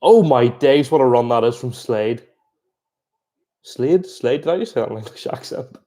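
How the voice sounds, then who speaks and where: A man giving chatty, excitable live reaction commentary on a rugby match, breaking into exclamations. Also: medium pitch, fairly quick. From Ireland. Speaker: sports reaction streamer.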